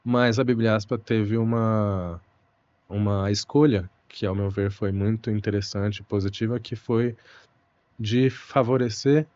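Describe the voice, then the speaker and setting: A fairly low, darkish voice with fairly even intonation, recorded dry and lo-fi, belongs to a young Brazilian Portuguese teacher. As a guest in a relaxed conversational interview, he talks thoughtfully and slowly, leaning on the fillers "né" and "puxa."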